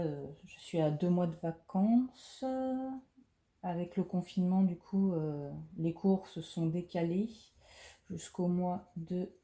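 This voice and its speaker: Coloring as she talks, a woman of thirty speaks in a lowish, soft-spoken voice, hesitating often and leaning on fillers in a casual vlog. The phone camera recording her sits right next to her head, and the sound carries a roomy echo.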